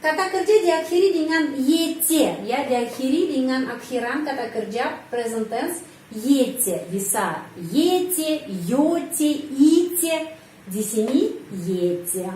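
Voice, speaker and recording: A woman teaching Russian grammar, explaining with slow, careful example sentences. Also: high voice, animated, a little mellow, slight background noise. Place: indoors, dog heard outside. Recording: roomy sound, from the mic, faint background ambience.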